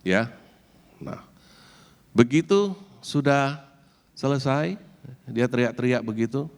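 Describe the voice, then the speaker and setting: A man preaching a sermon as a church elder, animated and talking straight to the congregation with English words mixed in. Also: medium pitch, slow pace. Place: church hall. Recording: long church-hall reverb.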